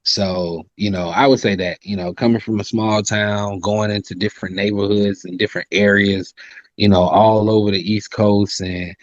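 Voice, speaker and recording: A rapper and singer in his 30s from South Carolina chats casually and politely as an interview guest, sprinkling in lots of "you know." He describes his voice as high-pitched, though here it shows little pitch movement at normal speed, on dry, dull audio.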